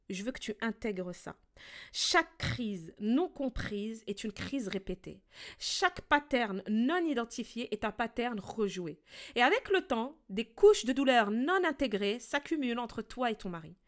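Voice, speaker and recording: A woman hosting a relationship podcast, talking calmly and directly to the listener as a coach in a scripted monologue. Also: fairly high pitch.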